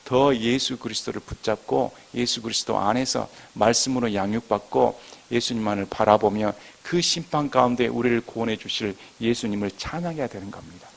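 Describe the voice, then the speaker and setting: A male pastor delivering a Sunday sermon in a church, with a voice of ordinary middle pitch. He moves from calm, quiet explaining to loud, emphatic peaks. Now and then he puts rhetorical questions to the congregation. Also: a little fast, gravelly, hardly any pauses. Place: church sanctuary.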